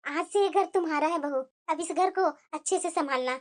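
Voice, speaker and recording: Doting cartoon mother-in-law, very high squeaky voice, motherly. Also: fairly quick. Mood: fond. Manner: fond, motherly, reassuring. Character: doting middle-aged mother-in-law, kind and protective. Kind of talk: cartoon voice acting.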